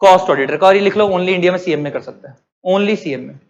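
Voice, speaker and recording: A man teaching a class in a high voice. He keeps asking questions and answering them himself. His voice rings with a long reverb. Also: fast, highs cut off. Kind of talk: classroom lecture.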